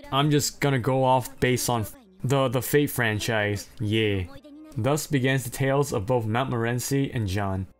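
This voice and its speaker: A man's voice: medium pitch, a little slow, faint music behind. A man narrating a ranked anime list, reading plot summaries and breaking off into blunt, profane, self-deprecating asides. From China.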